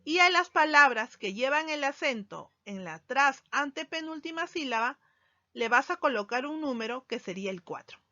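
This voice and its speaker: A woman teacher giving a recorded grammar lesson, speaking slowly and deliberately and stressing key words. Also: high-pitched, animated, bright, forceful tone, no room sound. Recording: dull lo-fi sound, dry.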